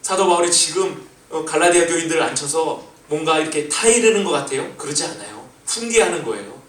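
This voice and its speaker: A senior pastor preaching a Sunday sermon, voicing rebukes as questions and asking the congregation how they are doing. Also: male voice, fairly high pitch, animated, a little fast, fairly bright tone. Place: church sanctuary. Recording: echoey church hall from far off.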